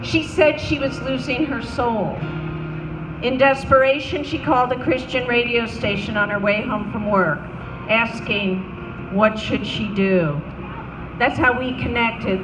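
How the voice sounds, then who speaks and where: A woman delivering a prepared memorial speech as a public speaker, telling accounts in a solemn, deliberate manner, recorded in a roomy space. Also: fairly high pitch. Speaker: public speaker, anti-abortion counselor. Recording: roomy, distant mic, noisy ambience.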